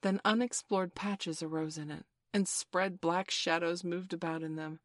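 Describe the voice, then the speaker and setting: A woman narrating a children's storybook in a measured, expressive reading voice. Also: on the low side, dry recording, clean studio sound. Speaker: audiobook narrator.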